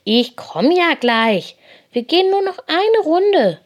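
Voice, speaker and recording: A woman voicing a tiny, eager young bunny girl in a children's storybook, squeaky and excited. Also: slow pace, full character voice.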